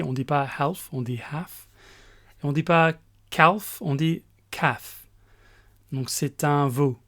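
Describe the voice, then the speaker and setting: A man teaching English grammar in a recorded lesson, explaining step by step with pauses and fillers. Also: mid-range voice.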